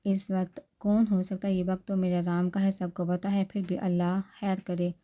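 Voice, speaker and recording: A woman's voice: fairly low pitch, flat delivery, mellow. A woman narrator steadily reading a romance novel aloud.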